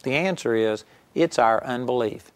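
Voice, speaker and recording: A man's voice: mid-range voice, moderate pace, clear, resonant tone. A middle-aged man preaching a sermon, telling stories emphatically and acting out raised voices. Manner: emphatic storytelling preaching, acting out quoted shouts.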